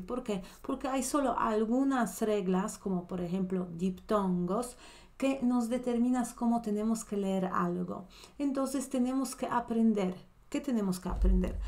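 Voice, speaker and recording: Young woman, online language teacher, unhurried, patient, walks you through it bit by bit. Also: on the high side, a little mellow. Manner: patient, explains step by step, quizzes the learner.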